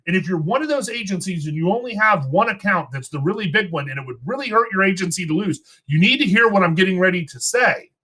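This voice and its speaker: A man's voice: high voice, lively intonation, quick pace, few pauses, pushed and bright, slightly rough. A man hosting an insurance podcast, fired up and preaching in a casual chat. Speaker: podcast host.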